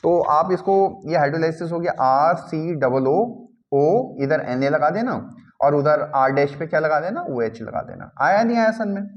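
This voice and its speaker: A man's voice: a little high, expressive, dull audio. Male teacher quizzing his class. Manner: keeps checking understanding with quick repeated questions; mixes English phrases into the teaching. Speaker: chemistry teacher. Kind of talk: classroom lecture.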